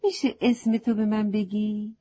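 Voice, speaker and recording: A woman's voice: medium pitch, little pitch movement, warm tone, natural voice. A woman voicing a curious, polite little boy in a children's story, asking wondering questions, on a slightly muffled recording.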